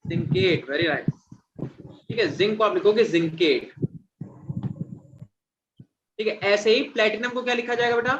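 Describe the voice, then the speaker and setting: High-voiced man quizzing a class. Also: measured pace, pauses often, a bit bright. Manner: repeats and quizzes students, calls them "beta". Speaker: teacher. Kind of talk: classroom chemistry lecture. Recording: dull lo-fi classroom recording.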